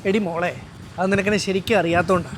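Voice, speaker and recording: A man's voice: sits high, fairly even intonation, quick pace, background noise, lightly acted. A man playing a cheeky, teasing young man. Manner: teasing, mock-insulting banter. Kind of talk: Malayalam short drama acting. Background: background music.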